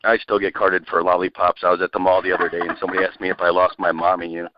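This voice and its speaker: A man in his thirties hosting a conference call, talking in a quick, loose, joking way. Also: low-pitched, flat delivery, muffled recording, crowd noise. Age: 30s. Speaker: call host. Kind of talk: casual conference call chat.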